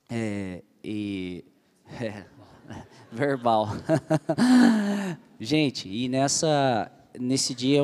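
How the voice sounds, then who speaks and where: A young Brazilian man, a church leader, shares an emotional personal testimony with the group, telling his story earnestly and with animation. His voice is medium-pitched and a little mellow, and the sound is that of a big room.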